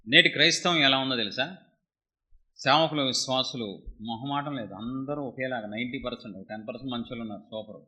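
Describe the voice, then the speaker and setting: A middle-aged male pastor preaching with passion, firing rhetorical questions and swinging from loud to hushed. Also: medium pitch, rough recording. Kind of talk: Telugu sermon.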